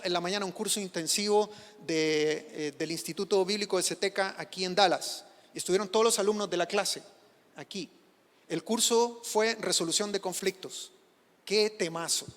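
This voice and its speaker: A man preaching from the pulpit with a high, bright voice, stacking up repeated phrases and pushing them to loud exclamations. The sermon carries the long reverb of a church hall. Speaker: pastor. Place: church sanctuary.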